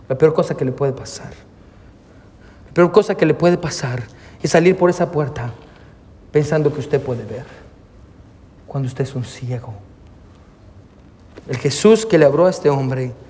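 High-voiced preacher in an echoing hall. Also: male voice, a little slow, pauses often, dark tone. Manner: storytelling with acted dialogue, addressing the congregation directly. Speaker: pastor. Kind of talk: sermon. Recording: long hall reverb.

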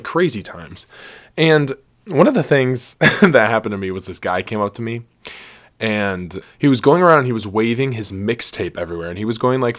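A young man from Ohio telling a funny story on his podcast, casual and lively, laughing often and saying "like" a lot. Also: lowish voice. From Ohio, USA. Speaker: podcast host.

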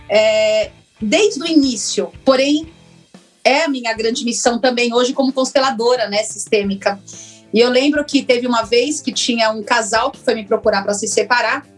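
A woman, a former lawyer now working as a therapist, telling her personal story in an interview in a reflective, earnest way with many pauses. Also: sits high, breathy edge. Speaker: interview guest, former lawyer turned systemic constellation therapist.

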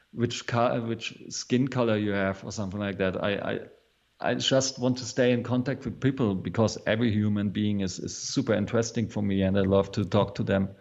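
A German-accented man in his thirties, speaking English as a second language in a relaxed guest chat. His voice sits fairly low, and he stops and repeats words as he thinks. The audio is dull and lo-fi, as if over a video call. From East Germany. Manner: hesitant, repeats words, chuckles often. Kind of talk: casual conversation.

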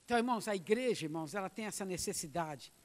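A man preaching a sermon, emphatic, moving between loud exhortation and quiet asides. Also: high-pitched, lively intonation, racing, in a large hall.

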